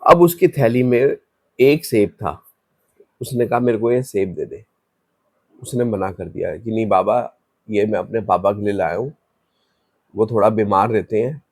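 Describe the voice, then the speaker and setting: A man's voice: lowish voice, moderate pace, husky, dry recording, clean studio sound. A man telling a horror story in a loose, conversational way, with restarts, and acting out the story's voices in passing. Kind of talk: casual spoken horror story.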